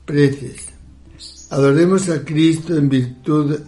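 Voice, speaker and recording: A man leading a liturgical prayer in a solemn, measured recitation. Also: fairly high pitch, steady tone, mellow.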